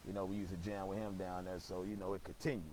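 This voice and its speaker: A man's voice: deep voice, little pitch movement, quick pace, darkish tone, slight background noise, rough recording. A young man telling a casual story, rambling and slangy, with lots of swearing and stammered restarts.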